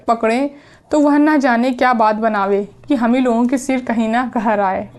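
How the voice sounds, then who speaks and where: A woman's voice: fairly high pitch, a little mellow. A woman teaching literature, reading a play's lines aloud and then explaining each one in plain words. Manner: reads dialogue then paraphrases it plainly.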